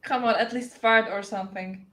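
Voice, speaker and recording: A woman's voice: fairly high pitch, steady tone, moderate pace, roomy sound, crowd noise. A woman co-hosting a casual podcast chat, playful and teasing, often restarting her words.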